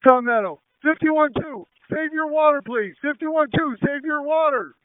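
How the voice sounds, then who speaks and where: A man's voice: very high-pitched, normal speed, no room sound. A man working as fire incident commander, giving urgent, clipped orders in firefighter radio traffic. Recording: tinny two-way radio transmission.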